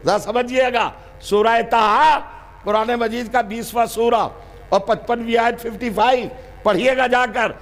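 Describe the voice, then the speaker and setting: A man's voice: very high-pitched, steady tone. A man preaching a sermon as a cleric, putting rhetorical questions to his listeners and often raising his voice in declamation. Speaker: Shia cleric giving a majlis.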